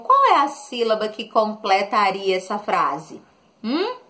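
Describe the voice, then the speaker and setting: A woman's voice: medium pitch, wildly swooping pitch, slow, sharp tone. A woman teacher giving a recorded lesson to children, patient and coaxing, constantly saying look and okay and using diminutives.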